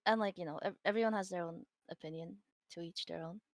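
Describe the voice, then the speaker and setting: A woman's voice: lowish voice, fast, dry recording. A woman guest on a podcast, speaking hesitantly and self-doubtingly, with frequent "like"s and small laughs. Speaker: guest, digital artist. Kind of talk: casual interview chat.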